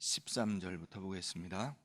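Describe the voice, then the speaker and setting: A male pastor preaching a sermon emphatically, swinging between loud and quiet. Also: deep voice, normal speed, husky, in a large hall.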